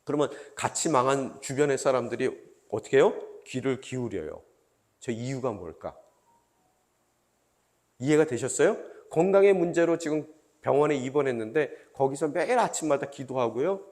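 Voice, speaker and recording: A male pastor delivers a sermon with a voice of middling pitch. He tells his story with animation and keeps asking his listeners questions as he goes. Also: a little fast, darkish tone.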